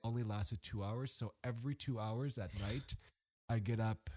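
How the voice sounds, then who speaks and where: On a podcast, a male guest tells stories with lively energy in casual conversation. His voice is medium-pitched and his pace moderate, and his talk rambles with frequent fillers and false starts.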